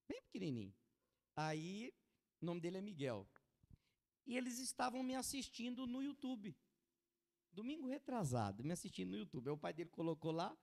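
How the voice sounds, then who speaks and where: A man preaching a sermon as pastor, swinging from soft warnings to loud exclamations. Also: sits high, gravelly. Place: church hall with long reverb. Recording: church sermon with long hall reverb.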